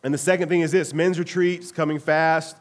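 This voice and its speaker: A man's voice: fairly high pitch, steady tone, brisk. A man, a pastor giving announcements and a casual sermon in a church, sounding nasal from a cold and talking in a chatty, folksy way. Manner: folksy, chatty, frequent "all right?". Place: church sanctuary.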